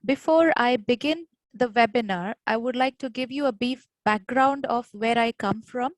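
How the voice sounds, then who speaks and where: A woman's voice: a little high, moderate pace, no room sound, low-quality recording. A woman from India giving an academic webinar lecture over a video call, explaining patiently with frequent "uh" fillers. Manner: hesitant, many "uh" fillers, explanatory.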